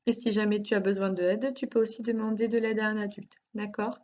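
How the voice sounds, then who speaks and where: A primary school teacher records a lesson for young children, speaking slowly and stretching out carefully articulated words. She addresses one child directly in a patient, reassuring way. Her voice is medium-pitched, level and dark, and the audio sounds dull.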